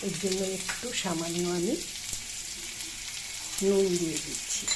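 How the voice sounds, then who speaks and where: Chatty woman cooking over loud sizzling. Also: lowish voice, fairly even intonation, a little slow. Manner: chatty, explains each step as she cooks. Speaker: cooking channel host. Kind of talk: casual cooking demonstration. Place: home kitchen. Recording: loud kitchen frying noise. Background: sizzling frying and clattering pots.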